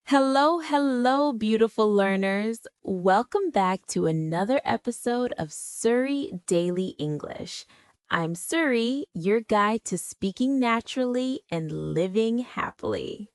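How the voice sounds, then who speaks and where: A woman hosting a scripted English lesson, encouraging and spelling words out clearly for learners. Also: fairly high pitch, lively intonation, slow, no room sound. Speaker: English teacher host. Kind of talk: scripted teaching dialogue.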